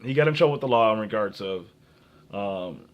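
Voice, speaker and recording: Halting young American man giving relationship advice. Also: lowish voice, animated. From Minnesota, United States. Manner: halting, often breaks off and repeats phrases. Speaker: dating advice vlogger. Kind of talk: rambling off-the-cuff advice and personal anecdotes.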